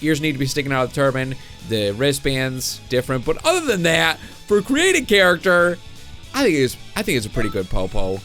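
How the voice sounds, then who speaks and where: With game music in the background, a young man gives laid-back commentary on his gameplay in a brisk, sing-song, mid-range voice that's somewhat bright. A lingering cold makes him sound slightly off, and he chuckles often while thinking out loud uncertainly.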